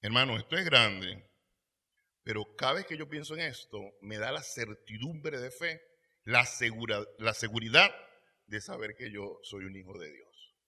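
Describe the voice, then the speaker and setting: A man's voice: mid-range voice, moderate pace, sharp tone. A man preaching a sermon as pastor, reading scripture aloud and swelling his volume for emphasis.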